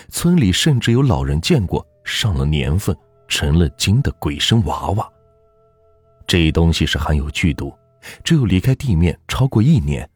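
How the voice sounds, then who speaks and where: A man narrating a folk ghost story in a measured, steady storytelling manner. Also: a bass voice, slightly rough, dry recording.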